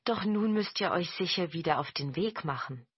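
A woman voicing a kind, caring young wife who gives gentle advice. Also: fairly low pitch, animated, normal speed, breathy edge, dull audio. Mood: friendly.

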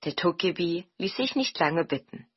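Husky woman reading a storybook. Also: fairly low pitch, lively intonation, normal speed, highs cut off. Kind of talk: scripted storybook narration.

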